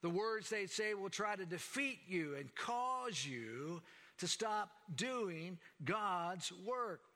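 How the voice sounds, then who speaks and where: Male preacher, dramatic sermon delivery with hushed drops; fairly high, bright voice. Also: sing-song, slow, big-room sound. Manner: dramatic, swings from loud to hushed.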